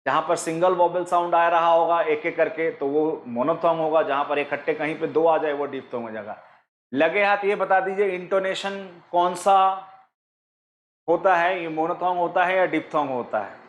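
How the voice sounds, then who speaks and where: A man's voice: fairly high pitch, normal speed, roomy sound. A man teaching an online exam-prep class, explaining step by step and asking his students questions, with English terms mixed in.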